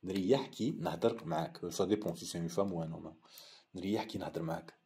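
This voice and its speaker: A man with an Algerian accent gives a language lesson, saying each phrase, repeating it slowly, then explaining it. His voice sits low and dark, with vocal fry.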